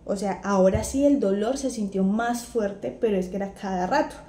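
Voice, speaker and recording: A young vlogger with a Colombian accent tells a personal story in a mid-range voice at normal speed, animatedly acting out what other people said. The room is echoey, with faint ambience.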